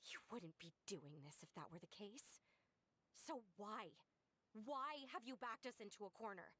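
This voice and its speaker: A woman's voice: mid-range voice, very animated, a little slow, pushed and bright, slight background noise. A woman voicing a defiant young girl in a game, angry, accusing and desperate.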